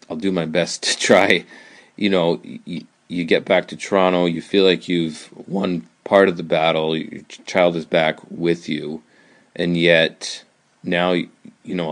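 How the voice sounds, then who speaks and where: A man interviewing a guest, asking long, empathetic questions. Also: low voice.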